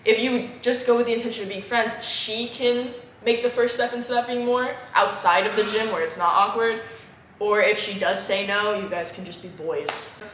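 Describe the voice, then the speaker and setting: A bright, crisp young woman in her late teens hosts a casual Q&A, telling quick, animated stories full of swearing and laughter. Her voice carries in an echoey room with a faint hiss behind it. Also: medium pitch. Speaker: channel host. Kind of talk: casual chat, Q&A with friends.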